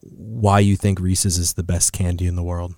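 A man's voice: low-pitched, flat delivery, normal speed, mellow, no echo, studio quality. Muffled man, as if through a wall. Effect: distant and muffled, as if through a wall.

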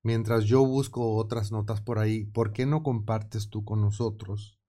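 A man with a Mexican Spanish accent hosting a casual radio studio chat, talking in quick, animated bursts. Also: lowish voice. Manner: animated, quick, laughing often. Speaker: radio show host.

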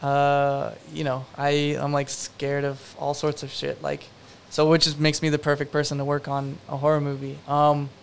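A man's voice: a little high, monotone, normal speed, creaky, hardly any pauses, clean tone. A young man, a production designer, answering interview questions in a rambling, casual way full of fillers and self-deprecating asides.

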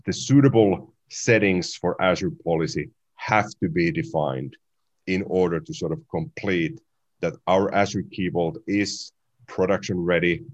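A man with a very deep voice hosts the conversation, thinking aloud before posing practical questions. His audio sounds dull and lo-fi. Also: darkish tone. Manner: thoughtful, reflective questioner.

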